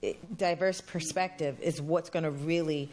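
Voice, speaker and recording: A woman's voice: sits low, steady tone, moderate pace, a little mellow. A woman on a discussion panel who leads a team, speaking earnestly and candidly.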